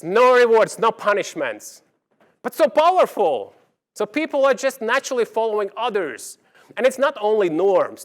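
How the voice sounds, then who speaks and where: A man with a fairly high voice gives a conference keynote in front of an audience. He talks as a researcher explaining his slides, sometimes halting and repeating phrases, then stressing the key words.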